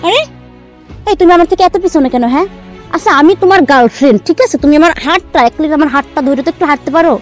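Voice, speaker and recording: A woman's voice: high voice, very fast, faint music behind. A young woman acting a bossy girlfriend in a drama, scolding and impatient.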